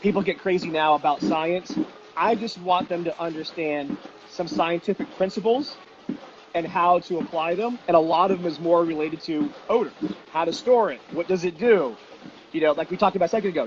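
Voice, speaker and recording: A man with a fairly high voice talks like an informal instructor in an interview. He explains emphatically, using questions and examples. The sound is dull, with faint background noise. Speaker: dog detection trainer and instructor. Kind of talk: casual explanatory interview talk.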